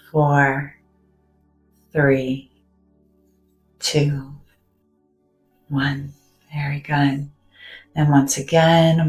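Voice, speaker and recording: Her voice low and unhurried, a woman talks listeners through a meditation softly and gently, with drawn-out pauses between phrases. Sometimes she is barely above a whisper. The poor audio carries faint music playing quietly underneath.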